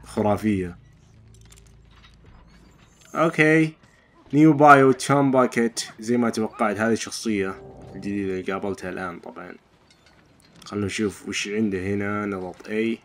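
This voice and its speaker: A man's voice: on the low side, fairly even intonation, fairly quick, pauses often, slight background noise. A man giving casual let's-play commentary and explaining each step to his viewers. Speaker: gamer.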